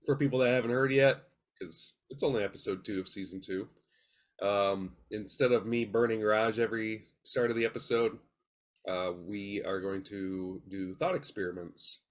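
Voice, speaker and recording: A man's voice: on the low side, fairly even intonation, moderate pace. A man with a cold, hosting a casual podcast chat in a laid-back, rambling way. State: congested with a cold. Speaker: podcast host.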